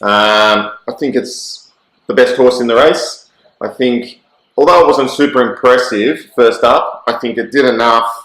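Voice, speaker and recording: A man's voice: mid-range voice, measured pace, fairly bright tone. An Australian man co-hosting a racing show, giving tips and casual banter in a matey, opinionated way. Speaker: co-host and racing tipster. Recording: echoey, roomy sound.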